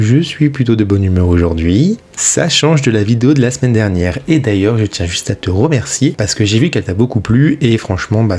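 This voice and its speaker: A man with a fairly low, husky voice talks through a casual vlog voice-over. He chats easily, pokes fun at himself and addresses the viewer directly, like a regular host of his own channel. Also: a little mellow. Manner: chatty, self-mocking, speaks to the viewer directly.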